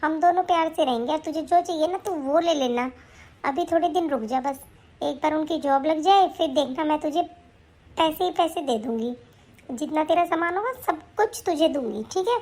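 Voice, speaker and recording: A woman voicing a kind elder sister-in-law who soothes and reassures a younger one, in an animated story. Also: high-pitched, normal speed, natural voice. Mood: comforting.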